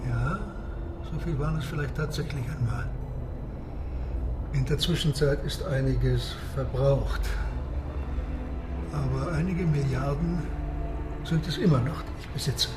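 An actor playing a proud, secretive submarine captain in a German radio drama, speaking in a measured, formal, commanding way. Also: male voice, mid-range voice, music in the background, lightly acted. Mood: proud, assured.

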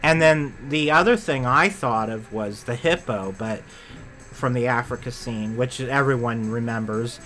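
Bright-voiced chatty male podcast host. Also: mid-range voice, measured pace, faint music behind. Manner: chatty, rambling, self-correcting. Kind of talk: casual chat about theme park attractions.

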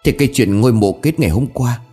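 A man's voice: mid-range voice, expressive, fast, dark tone, husky, faint music behind, voice pushed up. Man voicing an alarmed young cousin. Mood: anxious. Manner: anxious, questioning.

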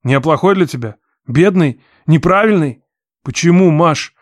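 A woman's voice: very deep voice, expressive, moderate pace, a little mellow, no echo, clean studio sound, voice pushed down, exaggerated voice. Woman doing a growling angry young man. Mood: angry pleading. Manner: growling, demanding, hoarse. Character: rough angry young man, drunk, intense. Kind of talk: audiobook reading.

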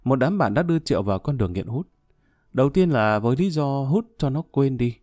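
Dry, mellow male storyteller. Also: medium pitch, lively intonation, fairly quick, no echo. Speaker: narrator. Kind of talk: scripted audiobook narration.

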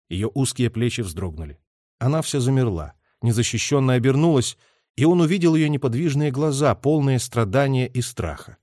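A man's voice: medium pitch, no room sound, clean studio sound. Man narrating a dramatic war story. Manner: lively, dramatic reading. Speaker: audiobook narrator. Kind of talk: expressive literary narration.

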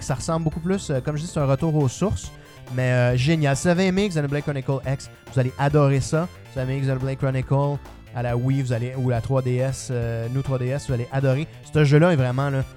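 A man's voice: mid-range voice, fast, darkish tone, faint music behind. A man with a Quebec French accent, reviewing a video game in casual panel chat, enthusiastic and full of fillers.

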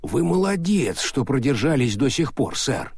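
A man voicing a fussy, nervous old male postman with a wheezy, hoarse whisper and a very formal way of talking. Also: medium pitch, sing-song, a little slow, a little mellow, no echo, voice pushed up, full character voice. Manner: formal, ends sentences with "sir". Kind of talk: audiobook character voicing.

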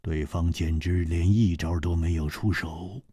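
Husky man telling a dramatic tale. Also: sits low, steady tone, measured pace, no room sound. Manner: theatrical, swinging from loud bursts to hushed whispers. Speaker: storyteller. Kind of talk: dramatic martial-arts audiobook narration.

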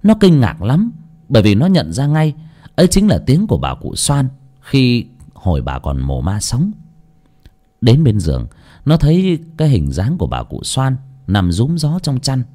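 A man narrating an audio storybook in an expressive, dramatic storytelling manner. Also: medium pitch, moderate pace.

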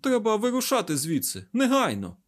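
Guy reading as an agitated scientist, yelling high and fast, urgent. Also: animated. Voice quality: loud, raised, breathless urgency. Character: agitated burly male scientist, shouting and urgent. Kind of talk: audiobook character voice.

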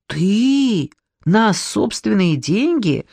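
A storyteller voicing a loud, sharp-tongued, stout woman, mocking and domineering. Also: mid-range voice, big pitch swings, very slow, gravelly, husky, no room sound, clean studio sound, heavily acted.

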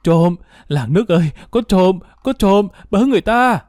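A man's voice: high voice, expressive, normal speed, darkish tone, dry recording, clean studio sound, pitched above the performer's own voice. A man voicing a frail old grandmother in an audio story, crying out shrilly in panic for help. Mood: panicked.

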